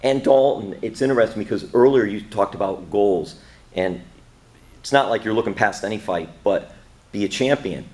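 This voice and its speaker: Male interview host, fairly low voice, rolls multiple questions together. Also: moderate pace, darkish tone. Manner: stacks several questions in one turn. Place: wrestling training gym.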